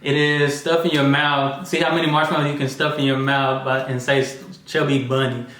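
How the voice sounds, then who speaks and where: A man's voice: medium pitch, little pitch movement, normal speed, a bit bright. An American man chatting casually to camera as the dad hosting a family challenge video. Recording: very echoey room, faint noise.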